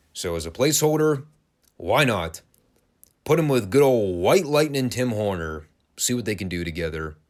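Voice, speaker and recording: A man hosting a wrestling podcast, giving a casual, sarcastic and crude play-by-play review of an old broadcast. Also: low-pitched. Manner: sarcastic, crude, dry humor.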